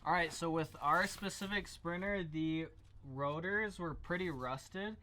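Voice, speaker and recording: A man's voice: a little high, a little slow. A man casually explaining how to replace van brakes step by step, joking and using lots of fillers. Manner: relaxed, jokey, with many fillers. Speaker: DIY mechanic demonstrating a brake job.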